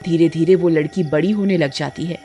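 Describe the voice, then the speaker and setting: A woman giving steady, scripted narration of a cartoon story. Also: low voice, fairly quick, soft background music.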